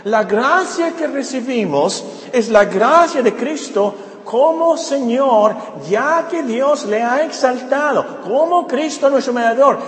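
A male pastor preaching a sermon with animated delivery, repeating phrases for emphasis. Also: extremely high pitch, slow pace, few pauses. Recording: echoey hall with faint ambience.

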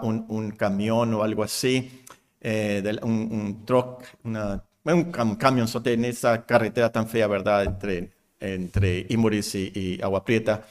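A man preaching a sermon, emphatic, repeating phrases and asking rhetorical questions. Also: lowish voice.

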